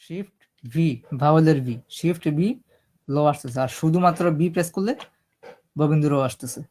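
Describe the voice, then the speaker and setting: A man with a fairly high voice runs a step-by-step typing lesson over a screen recording. He explains patiently, often pausing to check that his listeners are keeping up. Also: darkish tone. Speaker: computer typing instructor.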